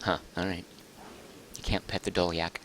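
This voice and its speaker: A man streaming a game live, chatting excitedly, thinking aloud and reading chat messages aloud, close to his microphone. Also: low-pitched, moderate pace, a little hiss or hum. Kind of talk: live gameplay commentary.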